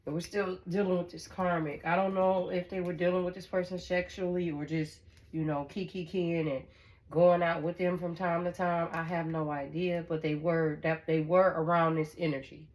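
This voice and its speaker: A woman's voice: lowish voice, level tone, moderate pace, a little mellow. A woman giving a casual tarot reading to her viewers. She is blunt, swears freely, repeats herself, and checks in with "okay?". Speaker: tarot reader.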